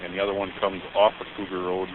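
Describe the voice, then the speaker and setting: A man with a low, monotone voice calls a sheriff's office about school buses, talking quickly, plainly, and informally. The archived call comes through a clipped, tinny phone line with hiss.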